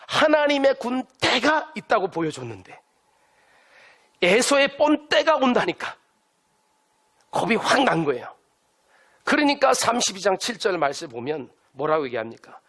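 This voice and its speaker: A man's voice: high voice, big pitch swings, measured pace, long pauses, fairly bright tone. A male pastor preaching a sermon with emphatic delivery, having the congregation repeat lines to their neighbors. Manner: has listeners turn and repeat lines to neighbors.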